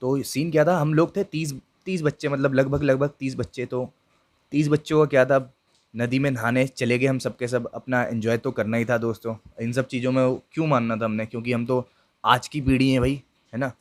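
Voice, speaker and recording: A young adult YouTuber tells his own ghost story casually and chattily, addressing viewers directly and checking in with fillers along the way. His mid-range voice stays steady, at a moderate pace.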